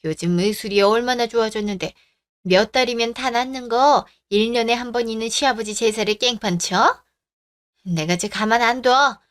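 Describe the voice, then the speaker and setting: A woman playing a stubborn, scolding older mother-in-law in a radio drama, sharp-tongued and nagging. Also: a little high, moderate pace, lightly acted. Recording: dry close studio sound.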